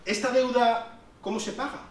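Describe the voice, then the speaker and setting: A man's voice: extremely high pitch, steady tone, moderate pace. A man from Spain preaching a sermon in a conversational way that rises to emphatic peaks. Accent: Spanish from Spain. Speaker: pastor. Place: church hall. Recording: echoey church sound from a distance.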